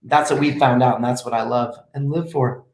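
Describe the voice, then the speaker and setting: A man and performer chatting casually as a host, telling animated stories and often restarting his sentences. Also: mid-range voice, brisk, echoey room. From United States. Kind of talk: casual chat.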